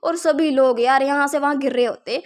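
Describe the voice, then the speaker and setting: A high-pitched woman tells a comic's story in a loose, chatty way. She keeps talking straight to her listeners like friends. She slips into the characters' lines with small shifts of her own voice. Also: brisk. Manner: chatty, keeps calling listeners yaar and bhai. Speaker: manhwa recap narrator. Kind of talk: casual story recap narration.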